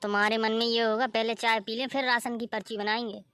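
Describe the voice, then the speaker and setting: A woman's voice: fairly high pitch, level tone, fast, a bit bright, clean tone, no room sound, natural voice. A woman voicing a nagging old mother-in-law. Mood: scolding. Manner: scolding, complaining. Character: scolding older mother-in-law, nagging and complaining. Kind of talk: cartoon story voice acting.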